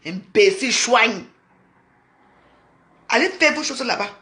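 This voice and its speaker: A woman tears into her critics in a bright, forceful voice. She scolds and mocks them in a heated vlog rant, throwing the same insults back again and again. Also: on the high side, animated, takes it slowly. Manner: scolding, mocking, repeats insults. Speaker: vlogger. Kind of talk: angry rant at commenters.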